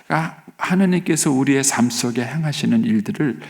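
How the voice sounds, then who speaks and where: A man's voice: mid-range voice, fairly quick, gravelly, darkish tone, big-room sound. A man preaching an early morning sermon in a church as pastor, voicing pleading complaints to God as he explains the text.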